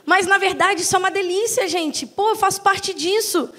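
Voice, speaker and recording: High-voiced Brazilian woman, enthusiastic speaker. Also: normal speed, sharp tone. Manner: enthusiastic, addresses the audience directly. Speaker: translator. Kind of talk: lecture talk to an audience. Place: lecture hall. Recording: long reverb of a hall.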